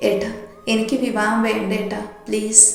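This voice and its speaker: A woman's voice: medium pitch, flat delivery, moderate pace, vocal fry, soft background music, lightly acted. A woman voicing a tender young heroine. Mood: pleading. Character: young woman in love, tender then tearful. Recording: very echoey room.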